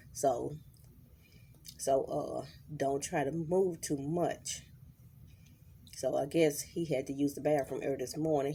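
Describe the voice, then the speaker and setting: Worried gravelly woman, halting diary vlog. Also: very deep voice, dark tone, slight background noise. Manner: halting, many fillers and restarts. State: worried, holding back tears. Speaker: vlogger.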